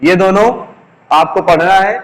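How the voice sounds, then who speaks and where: A male teacher giving a classroom lesson, speaking slowly, repeating key terms and asking the class questions. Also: high voice, steady tone. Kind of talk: classroom lesson, explaining while writing on a board. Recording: long echoing reverb.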